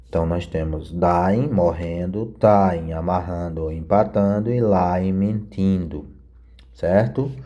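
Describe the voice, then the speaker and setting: Guy teaching english grammar, deep voice, keeps asking "right?". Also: warm tone. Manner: explains step by step, checks in with "certo?" and "né?". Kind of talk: recorded grammar lesson over slides.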